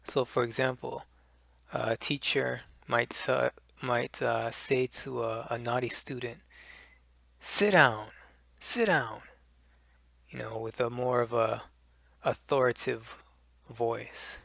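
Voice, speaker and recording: A man walks through an English pronunciation lesson at an unhurried pace. His voice has a gravelly, creaky texture, and he fills pauses with "um" and "uh". The sound is dry and close, with no room echo. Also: mid-range voice, little pitch movement, a bit bright. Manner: slow and deliberate, with many fillers. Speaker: language teacher. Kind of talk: explaining pronunciation.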